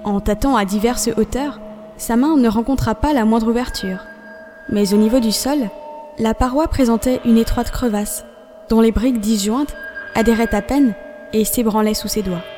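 A woman narrating a classic novel as an audiobook, in a measured, expressive storytelling voice over a music bed. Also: fairly high pitch, a little hiss or hum.

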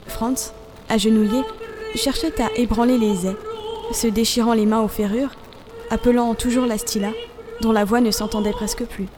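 This is an audiobook of a classic novel, voiced by a woman with a fairly high pitch. She narrates with measured pacing and expressive storytelling while music plays underneath.

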